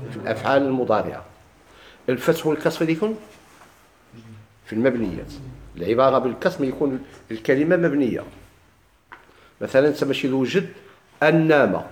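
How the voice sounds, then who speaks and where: A man with a Moroccan Arabic accent explains a classical text to his students, asking them questions and answering them himself, and he chants the quoted verses slowly. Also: medium pitch, echoey room. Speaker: teacher of Quran recitation.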